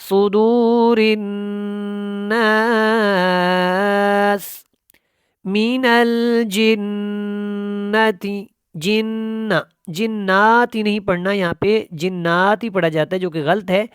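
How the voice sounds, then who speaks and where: A woman teaching how to pronounce Quran verses in a tajweed lesson. She explains at a brisk pace and repeats correct and wrong pronunciations. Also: medium pitch, no echo, clean studio sound.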